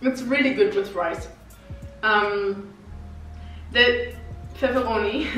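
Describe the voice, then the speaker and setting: A woman's voice: on the high side, far from the mic. Chatty young woman, echoey room. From Vienna. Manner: chatty, giggly, tastes food while talking. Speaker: vlogger reviewing vegan food. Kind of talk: casual food review. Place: living room with wicker sofa, indoors. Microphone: far camera.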